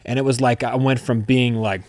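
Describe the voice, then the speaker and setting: A man hosting a podcast, telling a personal story in a candid, profane way that swings into loud outbursts. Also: medium pitch, steady tone, brisk, dry recording, clean studio sound. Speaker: podcast host.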